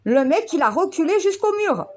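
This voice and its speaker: A woman's voice: very high voice, sing-song, moderate pace. A woman vlogger giving a heated, blunt monologue and swearing freely. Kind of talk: casual ranting monologue.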